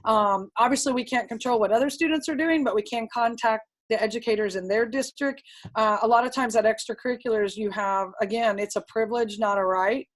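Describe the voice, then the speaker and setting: A woman presenting a webinar as a guest speaker, talking in a breathless, excited rush with frequent fillers and restarts. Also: on the high side, brisk, low-quality recording. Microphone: webinar audio.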